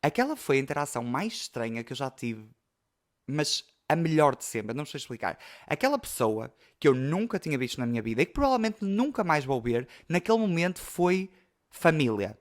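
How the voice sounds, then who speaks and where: A man's voice: fairly high pitch, sing-song, fairly quick. A young man with a European Portuguese accent, hosting a podcast and telling personal stories in a chatty, emotional way full of fillers. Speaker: podcast host. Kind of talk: casual storytelling.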